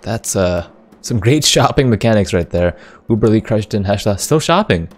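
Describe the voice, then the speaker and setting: A man commenting live on an esports race, upbeat and easily excited by split times, often filling with "like". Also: fairly low pitch, moderate pace, soft background music.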